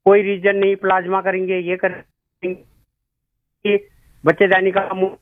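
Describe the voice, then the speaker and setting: एक आदमी कॉलर जो फोन पर अटक-अटक कर, टूटे वाक्यों में सवाल पूछता है, और उसकी आवाज़ लाइन पर बार-बार कट जाती है।. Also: male voice, sits high, monotone, no echo. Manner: halting, repeats himself, broken sentences. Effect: choppy phone line that keeps cutting out. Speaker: caller. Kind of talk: phone-in question. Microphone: phone. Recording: tinny, glitchy phone line, very dry.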